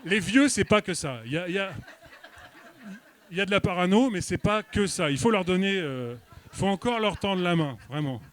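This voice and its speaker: A man with a French accent performing a stand-up comedy set on a comedy club stage, delivering his jokes with deadpan, mock-serious hesitation. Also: high-pitched, fairly quick.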